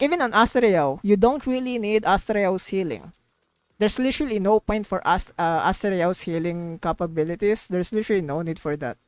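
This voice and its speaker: A woman live streamer with a mid-range voice gives casual, rambling gaming commentary, recorded with no room sound. She is emphatic and opinionated, repeating phrases to drive her points home.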